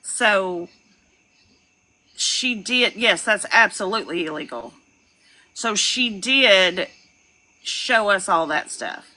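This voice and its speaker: A young woman on a live stream, ranting and gossiping in a loud, profane way, with laughs and shouted lines. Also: medium pitch, animated, takes it slowly, pauses often, poor audio. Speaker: livestreamer. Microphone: phone.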